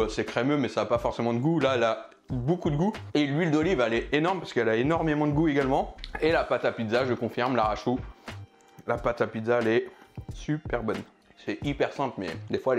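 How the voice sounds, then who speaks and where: A man reviewing pizzas for his food vlog, chatting casually and joking while he eats. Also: medium pitch. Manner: chatty, jokey, eating while talking. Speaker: food vlogger.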